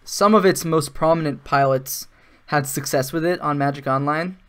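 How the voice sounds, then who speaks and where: A man's voice: fairly high pitch, moderate pace, fairly bright tone, clean tone. A man giving casual live-stream commentary while playing an online card game, thinking aloud, with sarcastic asides.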